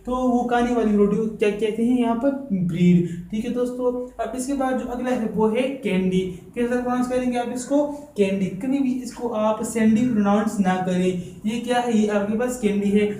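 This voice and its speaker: एक पुरुष शिक्षक अंग्रेज़ी शब्दों का पाठ पढ़ाता है, शब्दों को धीरे-धीरे दोहराता है और खुद से सवाल पूछकर जवाब देता है।. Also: male voice, very high voice, mellow, echoey room, a little hiss or hum, low-quality recording. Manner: repeats words slowly and asks himself questions. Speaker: English teacher, channel host. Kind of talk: spoken vocabulary lesson.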